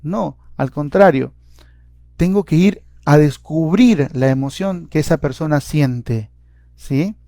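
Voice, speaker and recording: A man's voice: fairly high pitch, slow pace, dark tone, dry recording, clean studio sound. A man, a psychologist giving a seminar lecture, explaining step by step with frequent "eh" fillers and repeated words. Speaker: clinical psychologist and seminar speaker.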